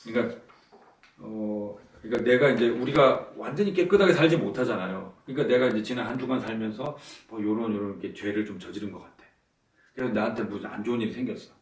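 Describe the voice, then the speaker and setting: A man's voice: lowish voice, fast. A male pastor giving a conversational video sermon who acts out quoted lines with rising emphasis. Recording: roomy, from some distance off the mic.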